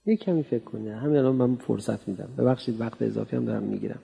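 A man's voice: medium pitch, gravelly, warm tone, husky. A man giving a sermon in a hall, talking to the crowd in a chatty, playful way and often asking them questions. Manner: conversational, playful, asks the audience questions. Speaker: cleric giving a religious talk. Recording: hall reverb.

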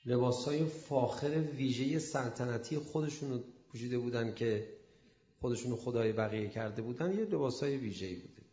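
A man preaching a storytelling sermon, acting out the people in it and swinging from hushed asides to loud emphasis. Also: medium pitch. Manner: animated, acts out quoted speakers. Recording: echoey dull lo-fi room sound.

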